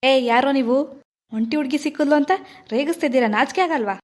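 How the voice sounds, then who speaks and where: A woman's voice: high voice, quick pace, lightly acted. [name], a woman playing a fiery lover. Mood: angry. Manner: forceful threats, gentle reassurance. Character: young village labourer man, protective, hot-tempered lover.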